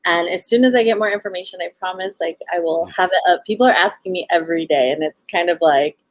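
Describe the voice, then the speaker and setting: Bubbly valley girl from LA, casual sorority girl chatter, slightly low female voice, dry sound. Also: fast, no room sound. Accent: Californian Valley Girl. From Los Angeles, United States. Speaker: podcast guest, show co-founder and event organizer. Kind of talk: casual live interview chat.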